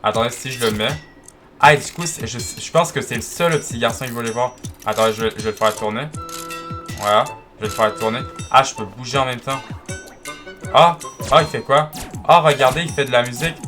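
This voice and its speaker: A man commenting casually on his gameplay, chatty and talking straight to his viewers, often restarting his sentences. His voice sits at a middle pitch, with game music clearly playing underneath. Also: quick pace, sharp tone. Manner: chatty, full of restarts, addresses viewers directly. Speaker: gaming video creator.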